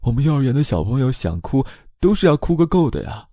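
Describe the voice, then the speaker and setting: A man's voice: sing-song, fast talker, warm tone, no echo, clean studio sound. A man voicing an anxious grown woman who begs her family for love, pleading and tearful. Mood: needy. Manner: pleading, tearful, high-pitched.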